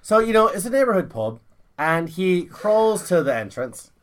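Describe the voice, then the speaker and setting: A man's voice: high-pitched, moderate pace, slight background noise. A man co-hosting a podcast, telling jokes and stories in casual banter, swearing a lot and acting out the voices. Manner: animated storyteller who swears a lot and acts out voices. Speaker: podcast co-host.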